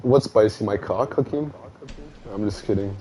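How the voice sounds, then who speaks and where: A man's voice: fairly low pitch, normal speed, mellow. A young man streaming a game with friends, trading crude, laughing banter in casual chat.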